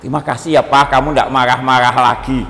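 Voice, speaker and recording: A preacher voicing a nagging wife. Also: male voice, medium pitch, little pitch movement, quick pace, creaky, sharp tone, pitched below the performer's own voice. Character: complaining wife in a marital quarrel. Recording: long hall reverb.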